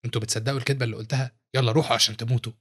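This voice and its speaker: A man with an Egyptian accent voicing a calm, scheming young male demon hero who speaks coolly. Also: mid-range voice, rapid-fire, natural voice. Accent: Egyptian Arabic.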